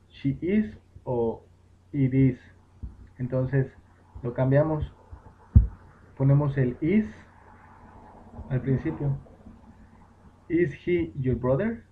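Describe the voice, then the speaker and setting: A man teaches at a slow, unhurried pace, pausing on fillers and correcting himself as he goes. His voice sits in an ordinary middle register. The recording is thin and phone-like, with a faint hiss underneath. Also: medium pitch, animated. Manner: slow, patient explaining with fillers and self-corrections. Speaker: English teacher. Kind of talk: home-made lesson explaining grammar.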